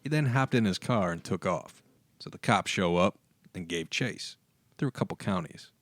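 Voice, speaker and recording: A man with a low voice co-hosts a relaxed podcast and tells a story with easygoing, dry humor. The recording is dry and close to the mic. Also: moderate pace, no room sound. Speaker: podcast co-host. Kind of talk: casual chat, telling a news story.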